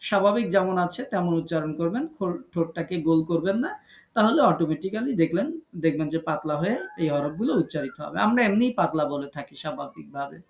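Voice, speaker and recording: A man teaching Quran recitation rules in an online lesson, patiently repeating each rule and drawing out example words slowly. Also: fairly high pitch, animated. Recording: echoey room.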